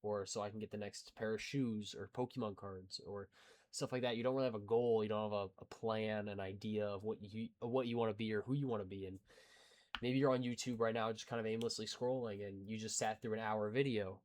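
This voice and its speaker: Young man, twenties, lowish voice, casual gaming chat, rambling, self-deprecating. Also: fairly even intonation, fairly quick, darkish tone. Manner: rambling, self-deprecating, talks in restarts and filler. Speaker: gaming YouTuber.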